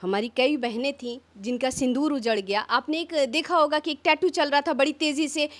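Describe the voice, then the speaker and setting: A woman politician giving an impassioned interview, firing rhetorical questions one after another. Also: sits high. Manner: fiery, rapid rhetorical questions. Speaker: opposition politician.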